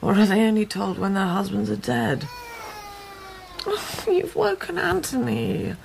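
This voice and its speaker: An actress playing a resentful wife in a spy drama, needling and sarcastic in manner. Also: female voice, medium pitch, big pitch swings, unhurried, creaky, darkish tone, a little hiss or hum, exaggerated voice, low-quality recording. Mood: bitter, needling. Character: resentful, sardonic wife of a secretive intelligence man. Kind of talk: naturalistic spy drama dialogue.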